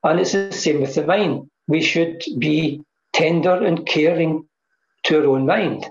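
Speaking at a measured pace in a slightly high voice, a man reflects on mindfulness as an interview guest and repeats phrases for emphasis. The video call audio from his computer mic is dull and echoey.

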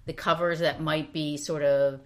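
A woman with a notably low voice talks about books on a casual podcast. She thinks aloud, softening her points with frequent hedges. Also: little pitch movement, measured pace. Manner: thoughtful, hedging with "sort of". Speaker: podcast co-host. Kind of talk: casual book discussion.

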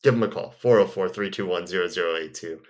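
A man's voice: low voice, fast. A man hosting a casual podcast, chatting in an easygoing, rambling way and reading a sponsor spot. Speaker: podcast host. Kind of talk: casual chat and live ad read.

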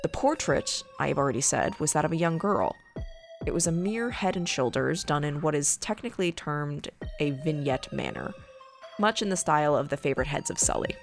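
A woman podcast host reading a gothic horror story aloud in a measured, deliberate storytelling manner. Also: sits low, expressive, creaky, faint music behind.

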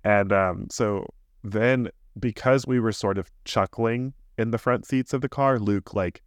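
Low-voiced dad telling a candid story. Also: male voice, measured pace, no room sound, clean studio sound. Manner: rambling, candid storytelling with laughs. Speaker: podcast co-host. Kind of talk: casual chat.

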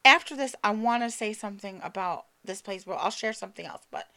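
A woman's voice: mid-range voice, fairly quick, pushed and bright. Stumbling, casual woman telling a ghost story. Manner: stumbles over names and words, laughs at herself; swears casually. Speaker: podcast co-host telling the story.

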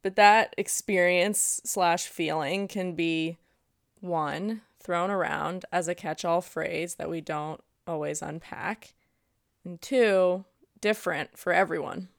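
A woman's voice: fairly low pitch, fairly even intonation, slow pace, creaky, dry recording, studio quality. A woman hosting an interview, framing thoughtful questions for her guest. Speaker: podcast host.

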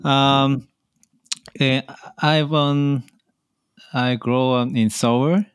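A man from South Korea with a Korean accent, whose first language is Korean, chatting as a podcast guest in halting English with many fillers. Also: mid-range voice, steady tone, clear, resonant tone, dry recording, studio quality. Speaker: podcast guest, online seller. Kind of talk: casual interview chat.

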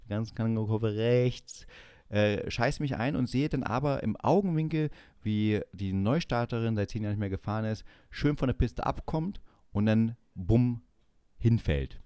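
A fairly low, smooth male voice at normal speed belongs to a young podcast co-host recounting a long personal story in easygoing talk. He animatedly imitates the people he quotes, and the studio sound is clean with no room sound.

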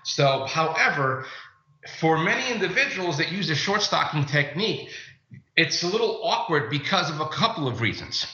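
A man explaining conversationally as an expert guest, halting and careful in his formal phrasing. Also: on the high side, big pitch swings, pushed and bright. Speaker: guest firearms expert and private investigator. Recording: roomy, dull lo-fi sound.

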